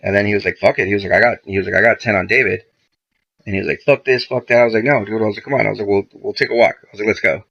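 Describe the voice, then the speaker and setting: A gravelly, low-voiced man appears as a podcast guest, casually telling a story that touches on racing. His retelling is animated and profane, full of quoted dialogue, and the podcast audio is dull and lo-fi.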